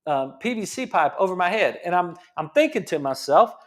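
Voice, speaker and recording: A man's voice: sits high, very animated, a little fast. A man in his fifties, a chiropractor, giving a casual health talk that explains things, repeats points and asks rhetorical questions. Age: 50s. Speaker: chiropractor host.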